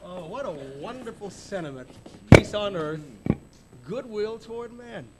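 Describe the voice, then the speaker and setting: A man's voice: high-pitched, lively intonation, measured pace. A man doing scripted stage banter in a singing group's show, hurrying and stumbling over his words, heard on an old videotape recording. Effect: hissy old videotape recording.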